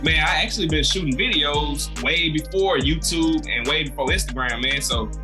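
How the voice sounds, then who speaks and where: A laid-back man with a Southern US accent and a fairly high voice tells stories, laughing often and dropping "man" into every line. Clear music plays behind him throughout the recording. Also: normal speed. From Louisiana, US. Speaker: guest comedian. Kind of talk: casual podcast interview.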